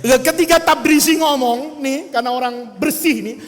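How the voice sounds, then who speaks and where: A man's voice: extremely high pitch, normal speed. A man preaching a humorous sermon, telling a story and acting out its characters with jokey asides. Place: mosque or hall gathering. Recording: long hall reverb.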